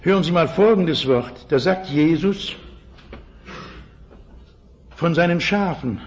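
An older man preaching an Easter sermon to a congregation, earnest, asking the listeners questions and slowing down for scripture. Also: on the high side, lively intonation, slight background noise. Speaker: pastor. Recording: dull lo-fi old sermon recording.

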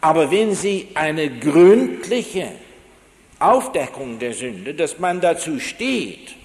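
A man preaching a sermon, telling a story from his own life with lively rhetorical asides. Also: fairly high pitch, slow pace, in a large hall.

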